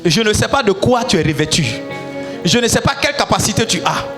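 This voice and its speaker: A man preaching a sermon as pastor, often shouting and breaking into sung lines. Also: high voice, very animated, a little fast, creaky, over music.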